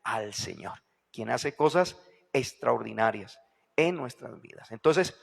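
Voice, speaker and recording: Male pastor, sermon, fry-tinged voice, leans on "right?" asides and repetition, echoey hall sound. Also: medium pitch, expressive, slow. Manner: constant rhetorical questions to the congregation; repeats key phrases with emphasis.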